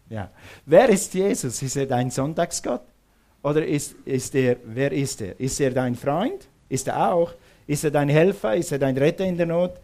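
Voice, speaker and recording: A middle-aged male preacher with a slightly raised pitch. He speaks emphatically in sermon style. He presses his listeners with repeated questions. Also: darkish tone.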